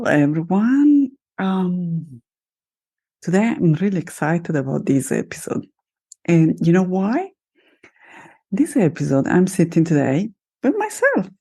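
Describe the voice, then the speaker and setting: Her voice sits lowish, warm in tone with a breathy edge; she's a middle-aged woman with an Italian accent. As a life coach hosting a solo podcast, she speaks directly to listeners with upbeat pride, celebrating herself.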